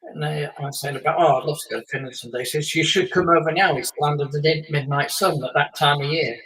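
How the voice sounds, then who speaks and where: A man in his late fifties from England, a former racing driver, is a guest on a live chat and tells long, rambling stories full of fillers and small laughs. His voice is a little high and slightly bright, with fairly even intonation, and he talks fast. The mic is distant and the recording is low quality.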